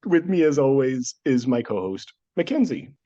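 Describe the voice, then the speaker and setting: Recording remotely from home, a man runs a laid-back history podcast despite being sick, his voice nearly gone from a cold. He sounds very animated at a normal speed, with a medium-pitched, mellow voice on dull-sounding audio, and he laughs and jokes a lot.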